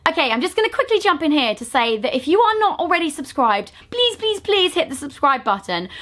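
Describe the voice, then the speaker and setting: A woman talking casually to viewers as a travel vlogger, chatty and given to exclaiming. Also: high voice. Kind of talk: casual travel vlog narration. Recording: loud music and busy crowd noise. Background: music, crowd chatter.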